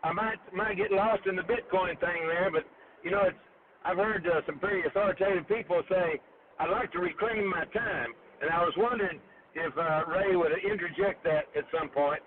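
A man's voice: high-pitched, moderate pace. A man calling in over a conference phone line, polite and chatty. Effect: heard over a conference phone line. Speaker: caller. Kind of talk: casual phone call talk. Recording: tinny phone line with crowd behind.

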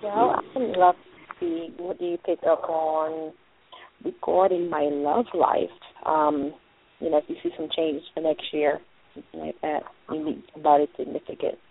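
A woman's voice: deep voice, animated, moderate pace, vocal fry, husky. A woman in her thirties from Louisiana, calling in and asking hesitantly about her love life. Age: 30s. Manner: hesitant, with many ums. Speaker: caller. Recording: tinny phone line.

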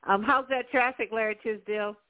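A man's voice: high-pitched, fairly even intonation, a little fast, narrow, tinny audio. A man hosting a casual sports talk radio show, chatty and bantering as guests are brought in.

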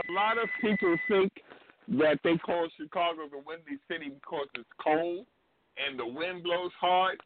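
A man's voice: a little high, moderate pace, phone-quality sound. A man chatting and explaining casually as a show panelist, repeating phrases for emphasis. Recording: band-limited line with clear noise.

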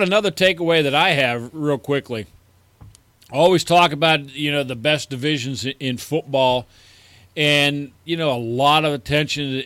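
A man's voice: mid-range voice, a bit bright, no room sound. A man co-hosting a fantasy sports show in casual chat, agreeing readily and ticking off team records. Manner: agreeable, ticks off stats and records. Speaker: fantasy sports podcast co-host.

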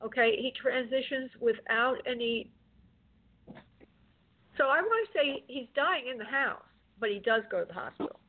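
A woman working as a psychic medium on a call-in show, giving spoken spirit readings in a gentle, consoling way with affectionate endearments. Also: on the high side, expressive, moderate pace. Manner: gentle, consoling, using endearments like love and honey. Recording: tinny phone-like call-in audio.

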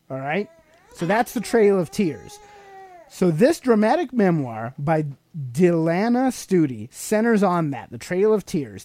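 A middle-aged father co-hosting a podcast talks his child through ideas in a relaxed, teacher-like way, prompting with leading questions. His voice sits on the high side and has a warm tone.

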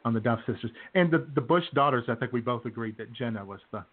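A fast-talking man with a mid-range voice hosts a comedy radio podcast, bantering casually and jokily with his co-hosts in a mock-enthusiastic way. The audio sounds tinny and band-limited, like a phone line.

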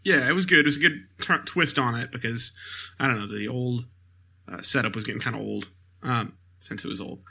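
A man in his thirties, co-hosting a podcast, trading deadpan jokes in casual chat. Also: mid-range voice, a little fast, creaky, husky. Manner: jokey, deadpan one-liners. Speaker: podcast co-host.

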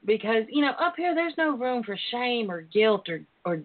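A woman's voice: sing-song, normal speed. A woman hosting a casual, irreverent talk show, with a sassy, theatrical, freely cursing manner. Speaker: host of a relationship talk show. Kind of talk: casual, irreverent radio chat. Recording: muffled low-bandwidth internet radio line.

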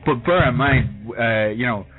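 An England-based man with an Irish accent co-hosts a games podcast, chatting casually and swearing freely at a somewhat slow pace in a medium-pitched voice. The audio sounds tinny, like a phone call, with music behind him.

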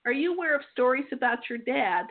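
High-voiced woman psychic on a phone line. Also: animated, quick pace. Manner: warm, chatty, reassuring, laughs often. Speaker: psychic medium host. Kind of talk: call-in radio reading. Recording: tinny phone-line sound.

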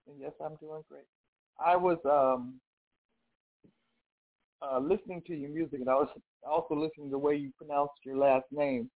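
A woman's voice: deep voice, steady tone, moderate pace, pauses often. A woman from Los Angeles calling in to a radio show, polite and hesitant, with many fillers. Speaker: caller. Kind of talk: call-in radio question. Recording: tinny phone line.

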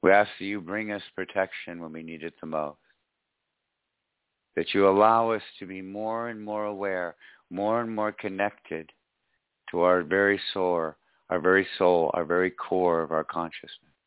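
Deep-voiced man leading slow guided meditation. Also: steady tone, smooth, dry recording. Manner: slow, soothing, hypnotic delivery with pauses and repetition. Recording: dull lo-fi audio, music behind. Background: faint music.

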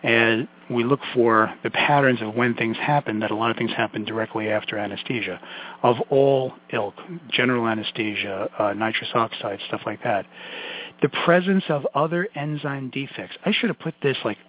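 A man's voice: lowish voice, normal speed. A man with a Brooklyn accent giving an informal health lecture, addressing listeners directly in a folksy way with emphatic asides. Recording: muffled, phone-like lo-fi audio.

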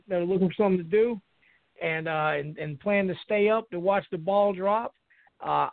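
A man hosting a call-in radio talk show, speaking in a halting way and often repeating his words. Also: sits high, dry recording. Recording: dry, tinny phone-line sound.

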